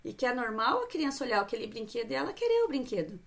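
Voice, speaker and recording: A woman, giving parenting advice to mothers on a live stream in an earnest, coaxing way, often acting out calm talks with a child. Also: fairly high pitch, fast talker, gravelly. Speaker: parenting coach.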